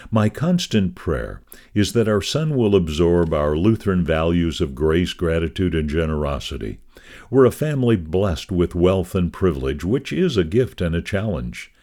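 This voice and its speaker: A very low-voiced man reads a devotional magazine column aloud in a measured, scripted way. His pitch swings widely and lively up and down, and that steady, expressive delivery never changes.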